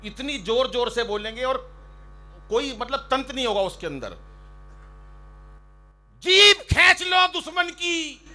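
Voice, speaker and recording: A man's voice: sits high, a bit bright, slight background noise. A man in his fifties on a poetry stage, a comic poet teasing the audience in a chatty way. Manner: teasing, chatty, acts out voices in jokes. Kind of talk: stand-up comic poetry banter. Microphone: stage mic.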